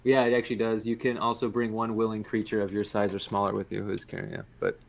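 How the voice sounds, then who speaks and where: Low-voiced man running a tabletop game. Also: level tone, fast, vocal fry. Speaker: game master. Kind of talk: casual tabletop game narration and chat.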